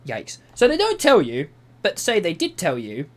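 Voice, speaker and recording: A man's voice: sits high, huge pitch swings, normal speed. A young man reading reddit posts aloud and commenting on them in an exasperated, rambling way, swearing often. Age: young adult. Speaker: YouTuber. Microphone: voice-over over gameplay footage.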